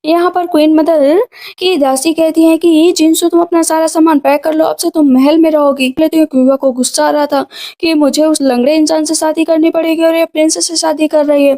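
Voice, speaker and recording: Woman narrator, high and mellow, recaps a drama plot and reads every role in nearly her own voice. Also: little pitch movement, fairly quick. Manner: narrates and voices every character herself, with little change in voice.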